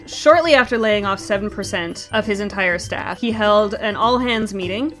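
A woman's voice: mid-range voice, normal speed, a bit bright, soft background music. Wry woman hosting a comedy segment. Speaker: comedy show host. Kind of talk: scripted comedy news segment.

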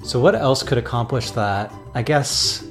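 A comedy co-host trading quick, playful quips during a news segment. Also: mid-range voice, faint music behind. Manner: quippy, playful asides. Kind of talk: comedic banter.

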